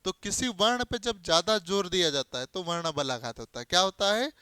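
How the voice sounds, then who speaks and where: A man's voice: high-pitched, expressive, fairly quick, sharp tone, clean tone, dry recording. A man teaching a Hindi grammar lesson to a class. He asks questions and answers them himself, repeating key terms and spelling out letters as examples. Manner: explains by spelling out letters and giving everyday examples.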